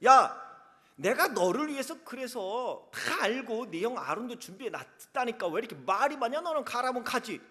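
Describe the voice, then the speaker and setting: A man voicing God as an angry, impatient figure, scolding loudly in a sermon retelling. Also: extremely high pitch, sing-song, normal speed, big-room sound, pitched above the performer's own voice, full character voice. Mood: exasperated. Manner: loud and impatient.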